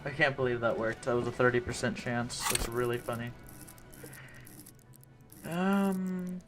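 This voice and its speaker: A man's voice: mid-range voice, little pitch movement, quick pace, a bit bright, soft background music. A man giving casual gameplay commentary, thinking aloud and unsure of his choices. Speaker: game streamer.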